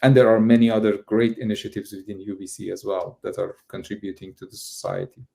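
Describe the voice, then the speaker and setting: Male professor, gravelly low voice, measured answers with pauses. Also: fairly even intonation, dark tone. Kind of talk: answering audience questions.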